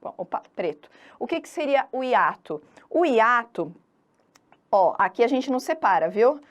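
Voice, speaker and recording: A Brazilian Portuguese teacher gives an online grammar lesson for exam prep, chatty and teasing, stretching out syllables to stress points. Her voice is fairly high and sing-song, at a moderate pace.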